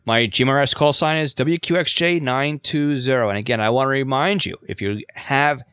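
A man's voice: medium pitch, fairly quick, fairly bright tone, clear, resonant tone, no echo, clean studio sound. A man with a New York accent hosting a casual spoken lesson, chatty, repeating himself with self-mocking asides. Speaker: podcast host and teacher.

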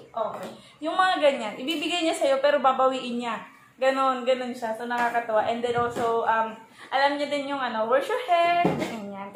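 Chatty Filipino mom, higher voice. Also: female voice, fairly bright tone. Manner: chatty, hesitant with many fillers, switching to sing-song baby talk. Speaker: vlogger, full-time mom. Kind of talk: casual home vlog. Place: room at home with a baby. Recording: echoey room, faint background noise.

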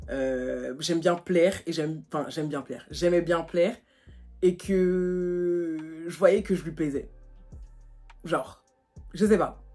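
A young woman from France, telling a casual storytime to her vlog audience in animated, slangy talk full of fillers. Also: on the low side, breathy edge. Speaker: vlogger. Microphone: phone.

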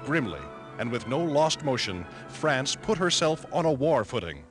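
A man's voice: medium pitch, very animated, normal speed. Dramatic old newsreel man narrator. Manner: dramatic, emphatic announcer delivery. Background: music score.

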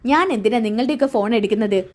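A woman voicing a quick-tempered young woman who whines and snaps at her family. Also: a little high, darkish tone, close to an everyday voice. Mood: snapping. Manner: whiny, snapping.

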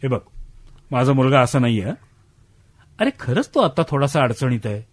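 A man playing a proud old man who defends his son. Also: moderate pace. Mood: defensive. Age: older. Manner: defensive, lively voice that drops low and soft when hedging. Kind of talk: radio drama acting.

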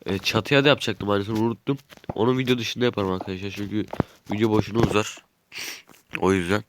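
A gaming YouTuber with a stuffy nose gives casual gameplay commentary, chatting and thinking aloud while he builds. His voice is on the low side, with fairly even intonation and a fairly quick pace, over slight background noise.

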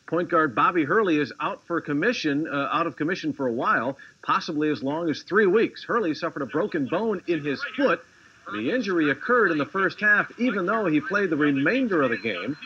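A man's voice: on the high side, expressive, a little hiss or hum. A man in his thirties anchoring a TV news sports segment in a studio, reading with a few fillers. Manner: brisk scripted delivery with small fillers. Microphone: studio mic, on camera. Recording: dull lo-fi 1990s TV broadcast.

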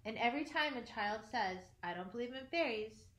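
A woman voicing a cheerful, boastful boy who never grows up, in a storybook reading with a lively, slightly impatient manner. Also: a little high, brisk. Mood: storytelling. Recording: roomy echo.

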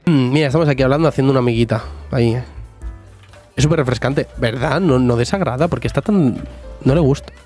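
A man's voice: mid-range voice, quick pace, darkish tone, faint music behind. Chatty man streaming a game. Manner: chatty, jokey, talks to chat and to the sim. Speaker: streamer playing a life-sim game. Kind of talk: casual live gameplay chat.

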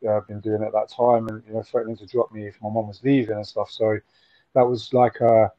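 A man in his forties from Nottingham, England, guests on a casual storytelling interview, his low voice level in tone and his delivery faltering, with repeated words and many fillers. He calls in by video from a home room with window blinds. The audio is muffled and dry.

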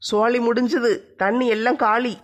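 A woman's voice: on the high side, flat delivery, normal speed, pitched below the performer's own voice, close to an everyday voice. A woman voicing a sly, spiteful young daughter-in-law who grumbles and runs a mock cooking show. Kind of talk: comedy skit.

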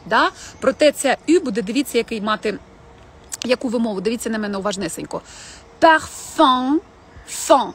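A woman's voice: fairly high pitch, slight background noise. Chatty woman teaching French live. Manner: chatty, addresses viewers directly, models French words slowly. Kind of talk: casual live-stream lesson. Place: home, in the evening.

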